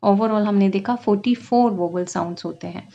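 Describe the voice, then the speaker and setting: A woman's voice: mid-range voice, gravelly, warm tone, muffled recording. A woman teaching exam-prep lessons, explaining terms and past questions and often checking in with "ठीक है?" as she goes. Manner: frequent checking "ठीक है?", drawn-out reading of English questions.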